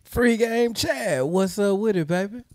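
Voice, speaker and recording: Male podcast co-host, loose joking banter, slightly high voice, dry sound. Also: expressive, measured pace, a little mellow, no echo. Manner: laid-back, profane, joking.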